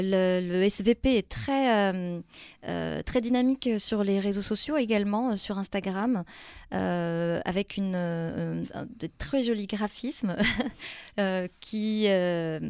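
A woman's voice: mid-range voice, creaky, darkish tone, clean tone, no room sound. Hesitant woman in a dry studio interview. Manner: hesitant, searching for words. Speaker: interview guest, poet. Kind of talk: spontaneous interview talk.

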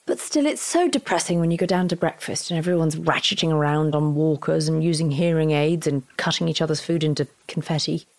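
A woman plays a restless, wry partner bantering at home in a naturalistic audio drama, sounding playful, animated and complaining. Her low voice moves briskly with hardly any pauses, in a dry recording.

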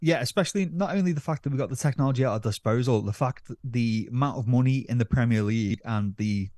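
A man co-hosting a football podcast, easygoing and quick to hedge his views. His voice sits at a medium pitch. He is recorded close on a dry mic with no room sound. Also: darkish tone, no room sound. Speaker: podcast co-host. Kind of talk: casual football podcast chat.

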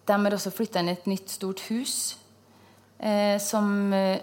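A woman's voice: medium pitch, flat delivery, a little mellow. Woman host, thoughtful and searching. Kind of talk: conversational interview.

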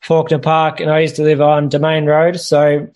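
A man hosting a relaxed interview, asking friendly questions. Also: on the high side, normal speed, lo-fi sound. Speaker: podcast host. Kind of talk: casual interview.

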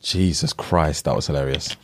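A man's voice: extremely low pitch, steady tone, moderate pace, slight background noise. A man with a London accent chatting casually as a podcast co-host in roadman slang, repeating phrases for emphasis.

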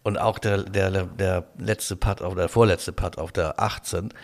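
Low, creaky-voiced man commentating on golf. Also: fairly even intonation, measured pace. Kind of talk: casual sports analysis.

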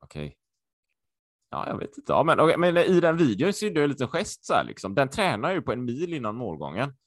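A man co-hosting a podcast over a video call, excitable and chatty, repeating himself with lots of fillers. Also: medium pitch, dry recording, studio quality. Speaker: podcast co-host.

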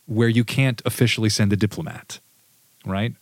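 A man with a low voice hosts a casual history podcast. He talks conversationally and reads out quotes from his sources. The sound is dry and close. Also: steady tone, moderate pace, no room sound. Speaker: podcast host.

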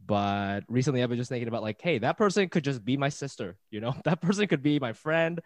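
A man's voice: mid-range voice, quick pace, no room sound. Rambling man in his thirties. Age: 30s. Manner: rambling, self-interrupting, excitable. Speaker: podcast co-host guest. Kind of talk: casual podcast chat.

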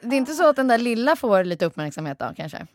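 A woman co-hosts a casual podcast chat with a fairly high voice. She teases her co-host and asks curious questions, and the sound is dry and close. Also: big pitch swings, dry recording. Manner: teasing, curious interviewer.

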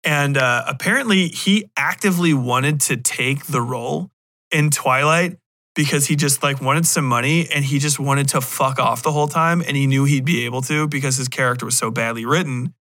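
This man's medium-pitched voice moves at a normal speed, with no room sound on the recording. Hosting a podcast, he reviews things in a loose, rambling way, cursing irreverently and breaking into lively jokes where he plays out imagined comments.

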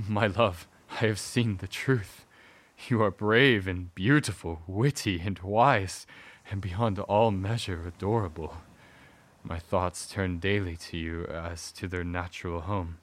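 An actor playing Arthur, a theatrical Victorian gentleman torn between tender devotion and bitter fury at his wife. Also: low voice, measured pace. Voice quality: theatrical, declamatory. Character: Victorian gentleman Arthur, tormented lover turned furious husband. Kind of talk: radio drama acting.

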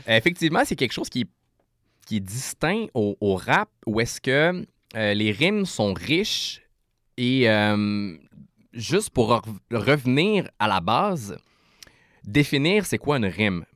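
A man with a Québécois French accent, a rapper guest explaining rhyme in a casual interview, animated and full of restarts. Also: mid-range voice, takes it slowly, no echo, clean studio sound.

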